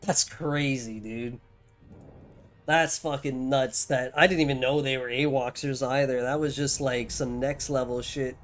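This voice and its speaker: A man's voice: medium pitch, steady tone, unhurried, soft background music. A young man streaming a game live, exasperated and swearing in slangy casual commentary. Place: home streaming setup.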